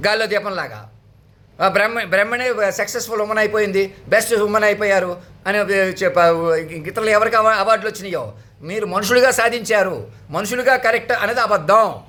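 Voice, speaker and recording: A man with a high voice preaches in a commanding, proclamatory way. He hammers home his points through repetition. His voice is bright and sharp. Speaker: self-styled spiritual leader. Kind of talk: proclamatory sermon.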